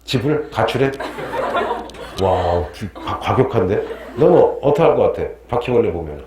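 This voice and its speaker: A middle-aged man lectures a history class, firing questions at his students and joking between them. His pitch swings widely in an animated way. The classroom sounds roomy, with a faint hiss behind him. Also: moderate pace. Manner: quizzes students, jokes and laughs often. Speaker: history teacher.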